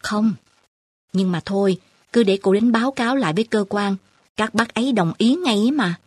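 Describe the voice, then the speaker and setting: A kindly middle-aged woman street sweeper speaks in a husky, homely tone, as a female narrator puts her on. She is practical and reassuring. The storybook reading is close and dry. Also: mid-range voice, moderate pace, no echo, natural voice.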